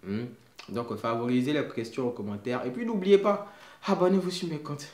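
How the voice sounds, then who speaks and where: A man's voice: mid-range voice, normal speed, darkish tone. A man giving casual vlog advice, checking in with viewers as he explains. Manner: conversational, checks in with viewers often. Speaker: study-abroad consultant. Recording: roomy echoey room sound.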